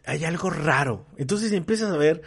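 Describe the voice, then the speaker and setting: A man's voice: fairly high pitch, lively intonation, moderate pace, gravelly, husky. A man with a Mexican accent gives his opinion in a casual rant, full of slang, swearing and fillers. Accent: Mexican Spanish. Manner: slangy and profane, many fillers. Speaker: commentator.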